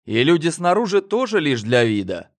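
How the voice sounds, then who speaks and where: A man's voice: a little high, big pitch swings, normal speed, pitched above the performer's own voice. Man voicing a commanding elder telepath. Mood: measured, commanding. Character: shrewd elder male telepath, calm and commanding. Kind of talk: audiobook character voice.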